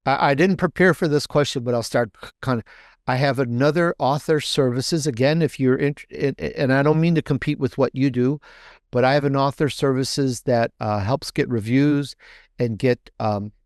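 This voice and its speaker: In clean studio audio with no room sound, a man with a medium-pitched voice speaks at a moderate pace. He's a podcaster and author guesting on an interview, storytelling casually and rambling, frequently rephrasing ideas midway through.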